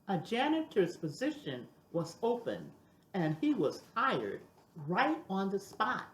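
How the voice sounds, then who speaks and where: An older woman reads a children's storybook expressively, with sweet grandmotherly warmth and deliberate, emphatic phrasing. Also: medium pitch. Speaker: storybook reader. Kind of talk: expressive scripted storybook narration. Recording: roomy, echoing sound.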